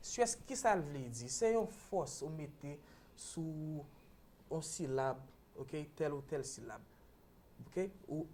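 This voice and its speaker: A woman's voice: sits low, mellow, slight background noise. A Haitian woman teaching English pronunciation on a talk show, explaining patiently and checking in with a repeated "ok?".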